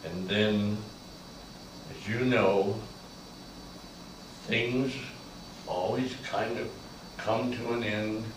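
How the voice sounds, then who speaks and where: Older man, veteran storyteller, dramatic monologue, very slow, very echoey room, faint background hum. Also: fairly low pitch, fairly even intonation, far from the mic. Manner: slow, repetitive, swelling to loud emotional peaks. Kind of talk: dramatic spoken-word monologue. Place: large echoey college room.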